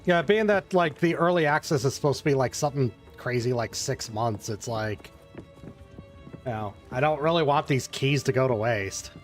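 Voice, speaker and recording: A man's voice: medium pitch, moderate pace. Rambling male game streamer, music behind. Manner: rambling, talks around answers to chat questions. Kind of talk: casual live-stream chat.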